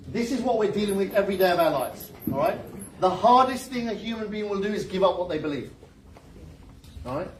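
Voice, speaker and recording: There's slight background noise as a man with a somewhat high voice gives a lively motivational seminar. He cracks jokes and throws questions at the crowd, heard from a distance in an echoey room.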